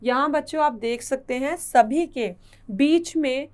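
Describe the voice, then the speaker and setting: A woman teacher with a high voice leads a lesson for children. She talks at an unhurried pace and repeats each word with care so young learners can follow. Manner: slow, careful explanation with repeated words.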